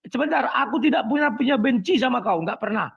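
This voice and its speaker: A man arguing heatedly in an online debate, loud, interrupting and scornful. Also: extremely high pitch, expressive, quick pace, vocal fry, slightly rough, dull audio. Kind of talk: heated argument.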